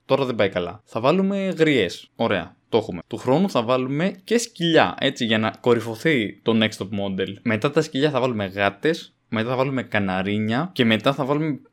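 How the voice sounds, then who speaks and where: Young guy rambling jokes into his podcast mic, middle pitch, gets loud and squeaky at punchlines. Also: hardly any pauses. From Greece. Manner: joking, animated, with sudden jumps in pitch. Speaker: podcast host, stand-up comedian. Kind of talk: casual comedic monologue.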